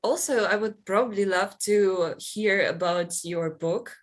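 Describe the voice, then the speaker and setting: A woman's voice: medium pitch, measured pace. A woman moderating a forum, introducing the speaker in a polite, hesitant way.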